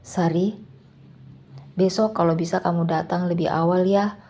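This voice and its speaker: A woman's voice: on the low side, fairly even intonation, measured pace, warm tone. A woman doing a firm middle-aged shop boss.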